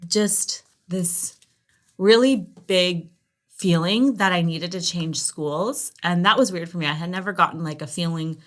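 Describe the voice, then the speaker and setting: A woman from the Los Angeles area, in the United States, appears as a podcast guest and tells personal stories in a casual, animated, conversational way. Her voice is on the low side and her pace is measured.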